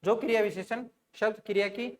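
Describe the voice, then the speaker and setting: A man's voice: sits high, fairly even intonation, brisk. A man teaching an online grammar lesson, explaining step by step and often putting questions to his students, with frequent fillers. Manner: sprinkles fillers like "theek hai" and "bhai".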